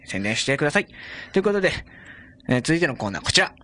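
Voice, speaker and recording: A man's voice: fairly high pitch, sing-song, very fast, pushed and bright, a little hiss or hum. A man co-hosting a comedy radio show, introducing segments in a laid-back, joking way. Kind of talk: casual comedy radio chat.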